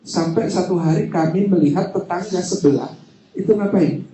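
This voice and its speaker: A man preaching a sermon, telling personal stories with jokes and a lively delivery. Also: high-pitched, moderate pace. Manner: lively, joking, personal anecdotes. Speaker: Islamic preacher. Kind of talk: humorous sermon storytelling. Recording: echoey hall.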